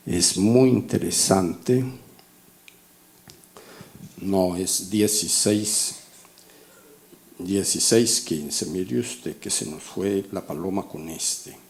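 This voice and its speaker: A pastor in his sixties teaches a Bible class in a conversational sermon, often checking in with short rhetorical questions. His voice is low and a little mellow, with drawn-out words and long pauses.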